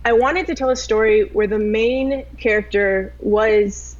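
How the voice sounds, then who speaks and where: A woman from Tennessee, a filmmaker on a panel, speaking earnestly and in a measured way. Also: a little high, steady tone. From Tennessee, USA. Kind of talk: panel discussion answer. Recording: slightly dull lo-fi audio.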